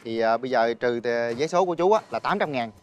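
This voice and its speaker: A young actor with a Southern Vietnamese accent, playing a smooth-talking swindler who coaxes and chuckles his way into a deal. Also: mid-range voice, animated, brisk, lightly acted. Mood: wheedling. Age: young adult. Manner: persuasive, coaxing, chuckling often. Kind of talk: TV drama acting.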